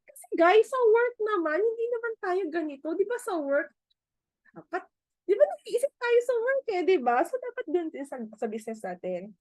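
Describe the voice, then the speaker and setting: A high-pitched Filipino woman gives an upbeat team pep talk on a video call. She switches between Tagalog and English and keeps checking in with "di ba?" The sound is close and dry. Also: big pitch swings, moderate pace, a little mellow, no room sound. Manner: chatty, mixes Tagalog and English, often asks "di ba?". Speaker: team leader in a business meeting.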